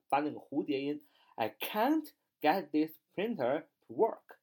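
Lively-pitched man teaching grammar. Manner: explains in Chinese, reads English examples slowly and spells words letter by letter. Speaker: English teacher. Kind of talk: spoken grammar lesson.

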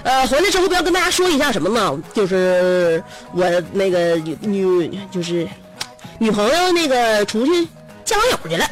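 Lively Northeastern woman radio host. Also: medium pitch, moderate pace, music in the background. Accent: Northeastern Mandarin. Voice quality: chatty, laughs often, teasing. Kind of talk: casual radio storytelling.

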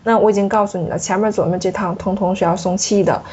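A woman teacher explaining a pronunciation lesson, repeating points and ending phrases with soft particles. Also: medium pitch, steady tone, fast, slightly rough. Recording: muffled lo-fi recording.

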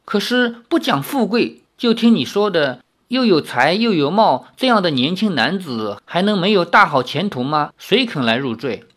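A man's voice: high-pitched, very animated, normal speed, few pauses, a bit bright, pitched above the performer's own voice, heavily acted. A man doing a cheeky young swordsman. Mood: incredulous. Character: cheeky young male swordsman, easily startled.

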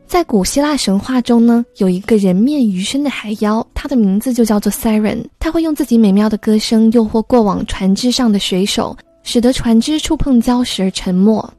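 A woman's voice: fairly high pitch, fairly quick, few pauses, mellow, no echo, soft background music. A woman explaining English vocabulary word by word in a patient, step-by-step lesson. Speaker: English teacher.

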